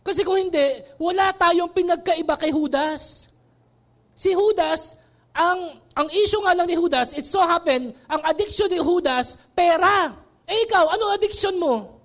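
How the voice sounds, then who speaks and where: A middle-aged male pastor preaching a sermon in an animated way, mixing in English. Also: very high voice, normal speed.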